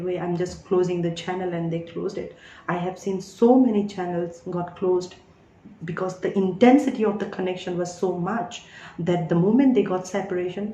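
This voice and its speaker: A tarot reader in her thirties delivers an emphatic spiritual monologue, often checking in with "all right?". Her voice is lowish and darkish in tone, and the reverberant recording has poor audio quality.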